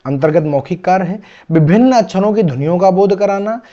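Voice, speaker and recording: Lo-fi male teacher, fairly high voice. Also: animated, brisk, warm tone. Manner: explains patiently, asking and answering his own questions. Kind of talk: exam-prep lecture.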